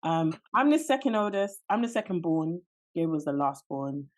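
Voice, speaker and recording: A woman's voice: lowish voice, sing-song, moderate pace. A woman in her late twenties co-hosting a podcast, chatting casually and laughing easily. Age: 20s. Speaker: podcast co-host. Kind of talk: casual chat.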